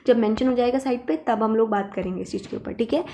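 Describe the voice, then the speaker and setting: A woman's voice: on the high side, fast, warm tone, a little hiss or hum. A woman teaching an online exam-prep lesson, emphatic and reassuring, checking in with her students often. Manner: repeats "ठीक है" and "देखो" to check in with students.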